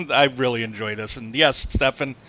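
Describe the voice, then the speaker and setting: A man's voice: mid-range voice, normal speed, pushed and bright. A man hosting a podcast, chatting casually and reading out listener comments. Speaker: podcast host. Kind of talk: casual chat.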